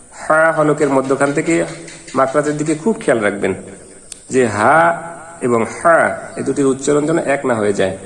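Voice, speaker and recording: A man's voice: mid-range voice, vocal fry. A man teaching Quran reading in Bengali, spelling out letters and vowel marks one by one and then chanting each verse. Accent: Bangladeshi Bengali. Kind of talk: slow spelled-out recitation lesson. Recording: long reverberant hall.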